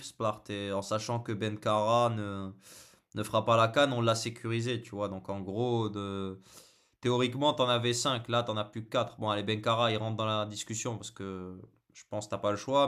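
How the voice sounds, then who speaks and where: A man's voice: lowish voice, fairly bright tone, smooth. A man hosting a football live stream, chatting casually with viewers and answering their messages, hesitant and full of fillers. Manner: hesitant, many fillers and repeated words; joking, casual banter with viewers. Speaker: football channel host.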